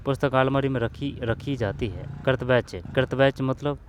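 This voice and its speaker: A man's voice: mid-range voice, normal speed, slight background noise. A man coaching viewers through old exam grammar questions in a casual lesson. He thinks aloud, repeats phrases to himself, and often checks whether the listener has understood. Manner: addresses viewers as bhai, asks if they understood.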